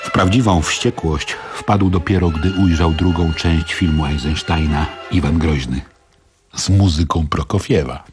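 A male actor with a very deep voice plays a weary, submissive Soviet composer, narrating a radio drama in the first person. His delivery is subdued and measured, with soft music playing in the background.

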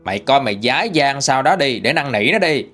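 An angry uncle shouts accusations in a lively, rising voice, as a male storyteller puts him on. Soft music plays faintly under the telling. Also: mid-range voice, brisk. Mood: angry scolding. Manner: loud, accusing, heated. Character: angry middle-aged uncle scolding his sister.

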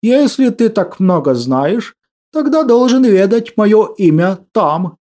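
A man voicing a wise, kindly old man who speaks slowly and solemnly in a warm voice. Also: high-pitched, very animated, voice pushed up, heavily acted.

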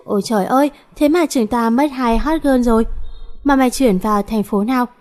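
A woman voicing an excitable teenage schoolgirl who blurts out questions. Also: on the high side, brisk, natural voice. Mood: excited.

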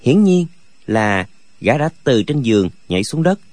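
Man, audiobook narration, expressive, lively pitch, dry close recording. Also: a little slow, no echo. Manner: expressive storytelling. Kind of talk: scripted narration.

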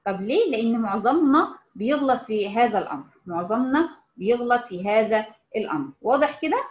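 Egyptian woman teaching recitation, high voice, patient and repetitive, lo-fi sound. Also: expressive, echoey room. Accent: Egyptian Arabic. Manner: explains patiently, models words slowly and repeats them. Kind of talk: informal online lesson.

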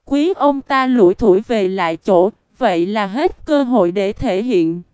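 A woman narrating a story in an unhurried, even reading voice. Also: mid-range voice, clean tone, no room sound. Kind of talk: audiobook storytelling.

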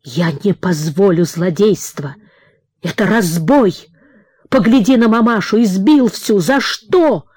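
A woman's voice: medium pitch, lively intonation, slow, dark tone, breathy edge, no room sound, clean studio sound. A woman reading an audiobook voices a desperate young son crying out in a boyish, breaking voice. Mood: pleading. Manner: pleading, crying out.

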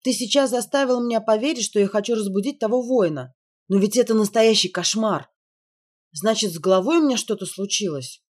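A woman voicing a sharp young woman who speaks bluntly and matter-of-factly, with a dry wit. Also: medium pitch, a little fast, natural voice. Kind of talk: audiobook character reading.

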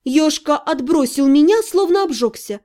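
A woman's voice: high voice, expressive, normal speed, dark tone. A woman narrating a first-person fantasy story with a wry tone. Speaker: audiobook narrator.

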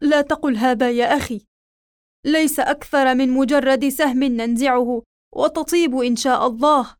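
A woman's voice: high voice, fairly even intonation, normal speed, clear, resonant tone, natural voice. A woman voicing a loyal male soldier who speaks earnestly and urgently, pleading with his commander.

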